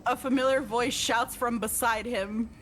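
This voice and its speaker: A woman's voice: on the high side, fairly even intonation, moderate pace, a bit bright, faint music behind. A woman streamer reading a visual novel's text aloud, stopping often to joke and laugh with a co-player. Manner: reads text evenly, breaks off to joke and laugh. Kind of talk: let's-play narration with casual asides.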